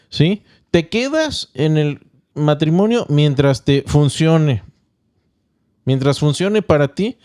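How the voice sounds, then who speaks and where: Mellow, smooth-voiced male pastor teaching. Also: fairly high pitch, no room sound, clean studio sound. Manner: explains point by point, checks in with listeners; measured, with small stumbles and restarts. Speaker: pastor and podcast host. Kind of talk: teaching podcast talk.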